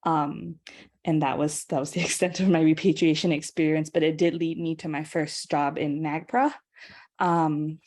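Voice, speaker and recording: A woman's voice: sits low, fairly even intonation, normal speed, a little mellow. A young woman from Singapore giving an online guest lecture, chatty and casual with many ums and small laughs.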